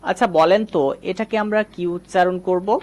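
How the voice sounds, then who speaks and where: A man's voice: sits high, fairly even intonation, fairly quick. A man teaching English reading, patiently explaining and quizzing his viewers. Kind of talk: screen-recorded lesson.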